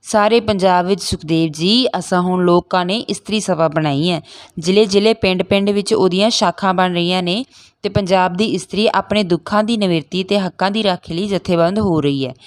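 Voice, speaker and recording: A calm, determined young village wife, reassuring and steady in her speech, read by a woman. She talks in an everyday voice. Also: medium pitch, no room sound, clean studio sound, voice pushed up, natural voice.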